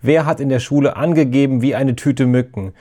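While reading a story aloud, a man plays a theatrical, booming mock priest who is a carnival official, thundering in a pompous, accusing way. His natural, mellow voice sits in the mid range and moves a little fast.

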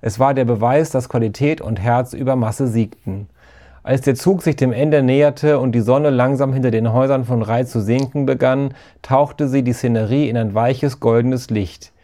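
A man reading a children's story aloud, steady and lively. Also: medium pitch, normal speed. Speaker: narrator. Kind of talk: storybook narration.

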